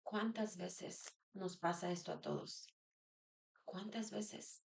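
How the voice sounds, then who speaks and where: A woman's voice: on the low side, slow, creaky. A woman sharing a personal devotional talk as a church member, earnest, repeating phrases and asking rhetorical questions.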